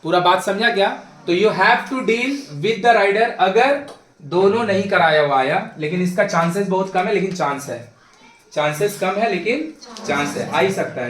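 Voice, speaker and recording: A male math tutor with a high voice gives a classroom lecture, chatting and joking familiarly with his students. His voice rings through a bare, echoey classroom and is picked up from some distance away.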